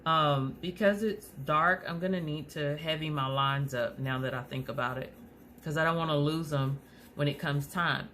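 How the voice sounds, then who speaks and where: Hosting a casual craft tutorial, a woman rambles through her how-to talk with lots of fillers and restarts, a slight lisp coming from her aligner trays. Her low voice is a bit bright at normal speed, with a little hiss or hum in the audio.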